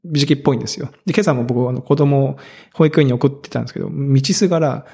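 A man's voice: mid-range voice, fast, gravelly, dark tone, breathy edge. A man in his thirties as a podcast co-host, chatting in an easygoing, self-deprecating way with chuckles. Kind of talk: casual chat.

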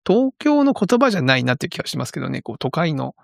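A man co-hosting a casual podcast chat, relaxed and joking, his voice strained today. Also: fairly high pitch, very fast, creaky, dry recording, studio quality. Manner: relaxed, joking, laughs easily. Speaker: podcast co-host.

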